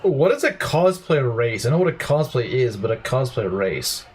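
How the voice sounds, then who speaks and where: A young man casually commentating a video game, quick to complain and laugh. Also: medium pitch, sing-song, slight background noise. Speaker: let's play host.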